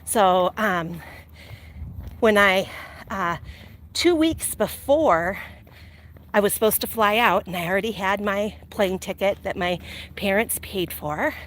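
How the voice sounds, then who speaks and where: This vlog host, a middle-aged American woman from Illinois, rambles chattily through personal stories while on a walk beside traffic. Her medium-pitched voice moves slowly, with long pauses. Vehicle and ambient noise hum steadily throughout.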